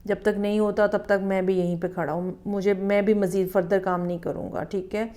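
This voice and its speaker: A woman giving a weekly tarot horoscope reading in a measured, explanatory way, often checking in with the listener. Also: mid-range voice, level tone, dark tone. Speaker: tarot reader.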